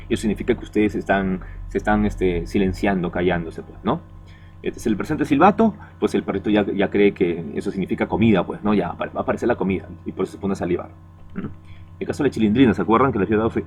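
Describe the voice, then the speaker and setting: A man's voice: lowish voice, fast talker, a little hiss or hum. A male secondary school teacher giving a recorded class lecture, explaining patiently and checking in with "¿no?" and "¿ya?". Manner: explains patiently, tags lines with "¿no?" and "¿ya?".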